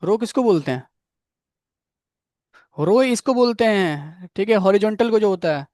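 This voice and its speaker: A man's voice: high voice, lively intonation, moderate pace, darkish tone, no echo, studio quality. A man teaching a coding class, explaining each step and checking in with his students, quizzing them by name. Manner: explains step by step, keeps checking with "theek hai". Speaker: coding instructor.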